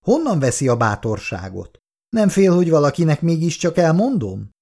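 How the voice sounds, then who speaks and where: A man voicing a female office worker who answers coldly and grows shaking with indignant anger, raising his voice above its usual pitch. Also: big pitch swings, vocal fry, a little mellow, full character voice. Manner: cold and furious.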